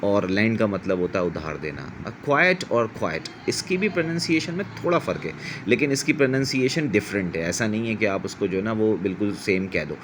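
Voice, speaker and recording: A middle-aged male English teacher from Pakistan with a fairly low voice. He explains word pairs patiently and repeats each one aloud to model the pronunciation. He corrects himself mid-sentence without fuss. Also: lively intonation, brisk, a little hiss or hum. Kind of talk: explanatory vocabulary lesson.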